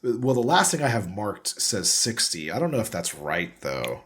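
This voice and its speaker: A woman's voice: very deep voice, big pitch swings, normal speed, breathy edge. A woman player in a tabletop game, stammering and laughing often.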